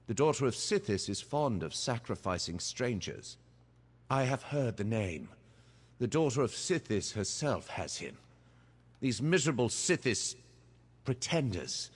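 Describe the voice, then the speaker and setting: A suave, self-controlled male vampire speaks in a low, formal register. His measured delivery carries cool disdain. The voice belongs to a video game character. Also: long reverb tail.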